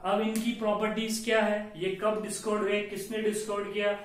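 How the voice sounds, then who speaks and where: High-voiced male teacher in an echoey room. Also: monotone, recorded from a distance. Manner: repeats key terms, asks and answers his own questions; mixes in slow, drawn-out English phrases. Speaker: chemistry teacher. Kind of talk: classroom lecture.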